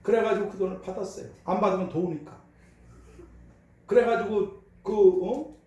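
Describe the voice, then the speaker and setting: A man's voice: high voice, steady tone, normal speed, darkish tone. An older man, a pastor, preaching a sermon in a conversational storytelling way, heard in a church sanctuary. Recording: echoey hall, voice from far off.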